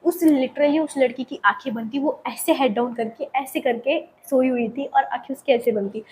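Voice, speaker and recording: A young woman telling a personal story in a casual, animated way, often slipping English words and phrases into her talk. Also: sits high, a little hiss or hum, poor audio. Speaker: vlogger.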